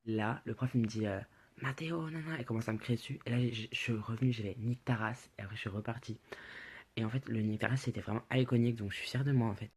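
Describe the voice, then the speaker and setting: A teenage boy tells a long school story in a loose, rambling way, with lots of fillers and quick asides. His voice sits fairly low for his age, and it sounds husky and a little breathy. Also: fairly even intonation, a little mellow. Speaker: student telling school stories. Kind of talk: casual storytelling on a social media story.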